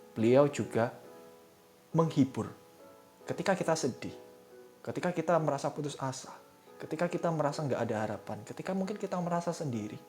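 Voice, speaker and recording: A man giving a sermon in a casual, conversational way, speaking straight to his listeners. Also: medium pitch. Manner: casual conversational preaching, addresses listeners as "saudara". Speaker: preacher. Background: soft instrumental music.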